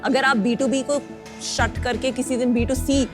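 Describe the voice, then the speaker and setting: A woman investor explaining her decision in a measured way and reasoning aloud. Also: sits high, fairly even intonation, over music. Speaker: investor judge on a business show. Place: TV studio set.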